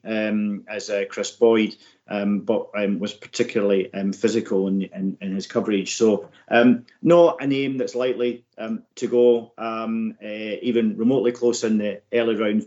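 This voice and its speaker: A man hosting a sports podcast, talking off the cuff about the draft in halting, broken phrases full of ums. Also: lowish voice, flat delivery, a little mellow. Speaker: podcast host. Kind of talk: unscripted American football draft commentary. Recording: slightly dull, lo-fi podcast audio.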